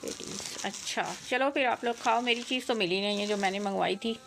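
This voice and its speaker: A woman's voice: on the high side, quick pace, creaky, a bit bright. A woman filming a casual home vlog, a mother chatting to viewers and to her children, sometimes scolding them, recorded on a phone at home at night. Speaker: family vlogger, mother.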